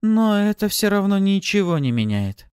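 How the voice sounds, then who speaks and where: A man voicing a haughty, hot-tempered female succubus servant with a scornful, shrill manner in an audiobook. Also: sing-song, moderate pace, a little mellow, no echo, studio quality. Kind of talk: audiobook character voice.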